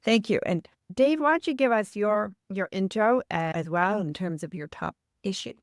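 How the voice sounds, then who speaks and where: A woman's voice: medium pitch, normal speed, no echo, studio quality. An American woman moderating a roundtable, giving brief, encouraging prompts.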